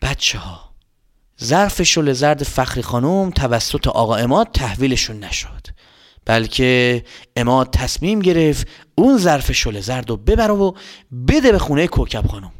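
A man narrating a children's story, expressive and speaking to the kids directly. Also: medium pitch. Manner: lively, expressive, addressing children.

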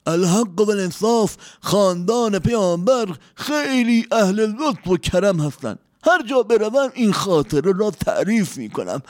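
A man voicing a poor, hungry old man who is giddy and boastful, with a squeaky voice and bursts of laughter. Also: sing-song, hardly any pauses. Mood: giddy, grateful. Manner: high squeaky voice with laughter, speaks formally.

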